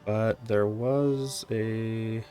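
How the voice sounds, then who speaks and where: A man's voice: fairly low pitch, fairly even intonation, extremely slow, warm tone, faint music behind. A man streaming a video game, thinking aloud in casual, hesitant commentary.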